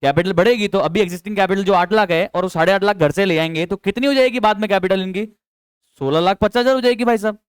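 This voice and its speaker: Young male teacher with a high, smooth voice. Chatty coaching tone that keeps drilling students with questions, recorded close and dry. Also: fast talker, dry recording. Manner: chatty, coaxing, quizzes students with repeated questions; mixes English terms into speech. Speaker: accountancy teacher. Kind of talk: classroom lecture.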